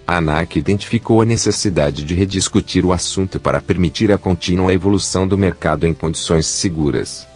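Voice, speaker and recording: A man's voice: low voice, a little mellow. A synthetic male voice like an old speech synthesizer, with a Brazilian accent, mechanically reading a scripted technology news bulletin as announcer. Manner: mechanical, evenly read announcements.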